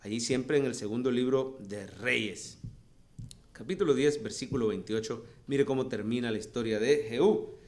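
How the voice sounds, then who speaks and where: A middle-aged man with a Salvadoran accent preaching a sermon, moving between soft storytelling asides and rising calls to the congregation. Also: mid-range voice, normal speed. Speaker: pastor.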